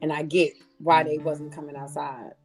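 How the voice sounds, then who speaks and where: A woman co-hosting a casual podcast, telling stories in an animated way and jumping between tangents. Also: deep voice, moderate pace, faint music behind. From California. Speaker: podcast co-host. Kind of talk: casual chat.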